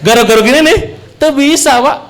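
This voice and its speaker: A young man, telling stories in an animated, jokey way as he speaks to an audience at a religious talk. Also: extremely high pitch, fairly quick. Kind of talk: humorous storytelling in a religious talk.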